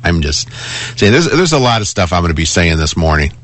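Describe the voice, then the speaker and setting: A man's voice: low-pitched, very animated, fairly quick, a bit bright, a little hiss or hum. A man hosting a talk radio show in a casual, conversational way, repeating and restarting phrases for emphasis. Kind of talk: casual talk radio monologue and caller chat. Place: radio studio. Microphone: close studio broadcast microphone.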